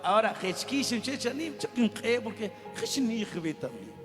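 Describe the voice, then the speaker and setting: A man's voice: sits high, very animated, normal speed. A man preaching a sermon, with a fervent, joking delivery. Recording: reverberant hall with music behind.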